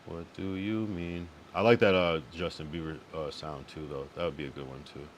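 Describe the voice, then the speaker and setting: A rumbling low male voice with fairly even intonation and a moderate pace comes through with a slight hiss or hum. The speaker, a young man from Connecticut and Massachusetts, is casually chatting on a late-night stream, swearing freely, staying relaxed and often echoing his own phrases.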